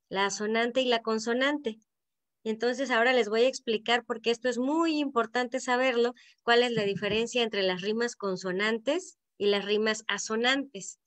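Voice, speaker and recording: Veracruz mexican lady teaching rhyme on a video call, kinda high voice, keeps asking the group if they're following. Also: fairly bright tone. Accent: Veracruz Mexican Spanish. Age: middle-aged. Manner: explanatory, asks the group to check in with frequent "¿no?". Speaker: poetry workshop teacher. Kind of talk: online workshop lesson.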